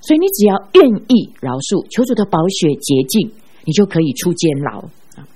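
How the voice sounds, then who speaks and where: A woman preaching a sermon, telling stories in an animated way and ending phrases with a drawn-out "ah". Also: lowish voice, husky. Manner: animated storyteller who ends phrases with a drawn-out "ah". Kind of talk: sermon with storytelling.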